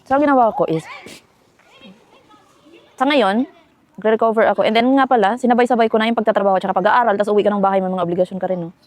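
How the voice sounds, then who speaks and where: A woman's voice: mid-range voice, very fast, long pauses, a little mellow, no echo. A young woman from the Philippines chatting casually to her viewers from home in a life-update vlog, rambling with fillers and self-corrections. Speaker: vlogger.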